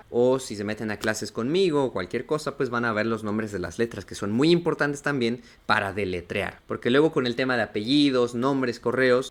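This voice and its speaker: A man teaching a beginners' German lesson at a middle pitch. He explains step by step and drags out example sounds slowly to demonstrate them. His delivery stays casual and slips in small jokes. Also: fairly bright tone. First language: Spanish. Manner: casual and joking. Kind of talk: online language lesson.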